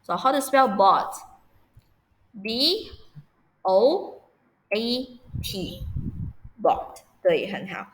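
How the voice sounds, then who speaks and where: A woman's voice: on the high side, big pitch swings, extremely slow, long pauses. A woman teacher running an online vocabulary lesson for children. She spells words out letter by letter and patiently checks that her pupils understand.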